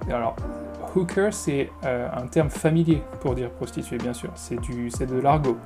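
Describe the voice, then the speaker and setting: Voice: mid-range voice, normal speed. Patient teacher explaining over music. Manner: patient, explains step by step and repeats words. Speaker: English teacher. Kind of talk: explaining English phrases in French.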